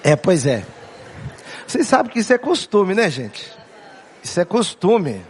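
A man's voice: sits high, sing-song, measured pace, slight background noise. A man with a Brazilian Portuguese accent, a pastor giving a humorous sermon, joking with the congregation and repeating his key points. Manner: playful, acts out family voices and jokes with the crowd; asks the congregation questions and repeats key phrases.

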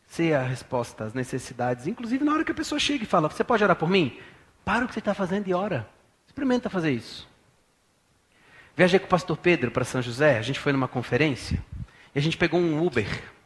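A pastor in his thirties from Brazil preaching a sermon in a church, swinging from hushed talk to loud bursts. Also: fairly high pitch, expressive, fairly quick.

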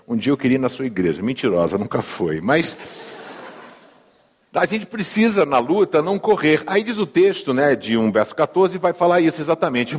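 Humorous Brazilian pastor preaching. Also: male voice, on the high side, slightly rough. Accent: Brazilian Portuguese. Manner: humorous, conversational, asks the congregation. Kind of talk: sermon with storytelling. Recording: long hall reverb.

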